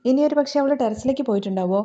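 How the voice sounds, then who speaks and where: A woman's voice: a little high, dark tone, highs cut off. A woman with a Keralan accent casually retelling a TV serial episode, running the characters' lines together with her narration. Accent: Keralan Malayalam. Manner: brisk retelling with tag words and quoted dialogue. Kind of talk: casual spoken episode recap.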